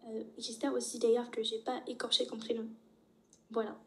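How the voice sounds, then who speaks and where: A man's voice: very high-pitched, monotone, normal speed, a bit bright, pitched above the performer's own voice. A man's recorded voice message converted by AI into a young woman's voice, casual and hesitant. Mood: casual friendly. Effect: AI voice conversion to a female voice.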